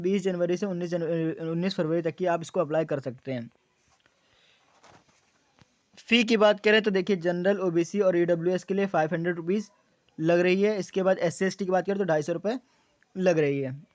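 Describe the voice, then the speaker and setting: A man's voice: high voice, a little mellow, dry recording. A young man explaining exam details to students, repeating key points as questions and answers, with frequent fillers. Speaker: exam coaching YouTuber.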